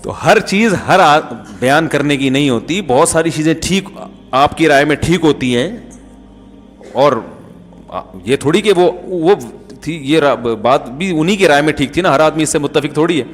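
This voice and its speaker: Middle-aged Pakistani Urdu-accented male preacher, anecdotal and jokey, fairly high voice, long hall reverb. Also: faint music behind. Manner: jokey storytelling, acts out dialogue. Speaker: Islamic preacher. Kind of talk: conversational sermon with anecdotes.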